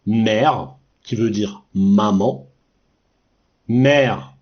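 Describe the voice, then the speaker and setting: A man gives a French vocabulary lesson at an unhurried, careful pace, pausing to spell words out letter by letter. His voice sits at an ordinary middle pitch. The recording sounds a little dull and lo-fi. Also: a little mellow. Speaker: French teacher.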